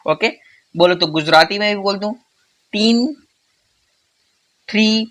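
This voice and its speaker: Fast-talking man teaching code. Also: high-pitched, steady tone, a bit bright. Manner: fast, chatty, addresses viewers as "bhai"; repeats phrases for emphasis. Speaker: coding instructor. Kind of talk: casual coding tutorial.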